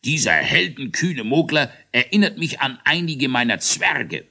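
A man's voice: mid-range voice, very animated, measured pace, gravelly, sharp tone, voice pushed up, full character voice. A man voicing an old dwarf king who grumbles and hesitates. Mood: grumbling.

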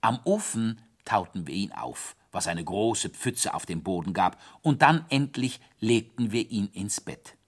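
A man narrating a children's story in the first person, with animated, dramatic delivery. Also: fairly low pitch.

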